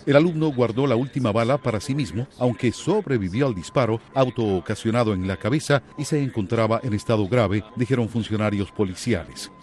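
A man's voice: mid-range voice, a little fast, hardly any pauses, darkish tone, slight background noise. A man narrating a scripted news report as a radio reporter.

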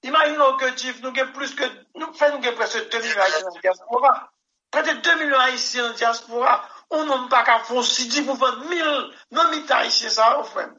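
A man's voice: extremely high pitch, moderate pace, sharp tone. A man, a musician answering interview questions in a rambling, emphatic way and often saying "mon cher". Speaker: musician guest. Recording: dull lo-fi recording.

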